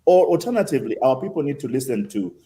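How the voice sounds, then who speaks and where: Animated Kenyan-accented man, mellow voice. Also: medium pitch, quick pace, a little hiss or hum. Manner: emphatic, uses rhetorical questions and repetition. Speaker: interview guest, consul general. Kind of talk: conversational interview answers.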